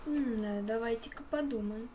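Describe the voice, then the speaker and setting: Высокий женский голос, игровой комментарий. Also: female voice, fairly high pitch, moderate pace, mellow. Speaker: gaming video host. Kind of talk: casual horror game commentary. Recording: clearly noisy recording with game ambience.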